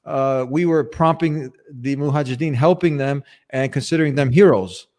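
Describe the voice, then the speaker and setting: A man's voice: mid-range voice, normal speed, a little mellow. A man hosting a casual interview, prompting his guest with questions and summing up. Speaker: host.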